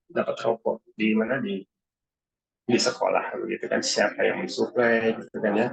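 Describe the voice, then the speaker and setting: A man's voice: medium pitch, creaky, breathy edge. A man talking casually in an online meeting, rambling with many fillers and repeated words, while his audio glitches and cuts in and out on a weak signal. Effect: audio glitching and cutting in and out on a weak call signal. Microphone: video call. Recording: dull lo-fi call audio that keeps dropping.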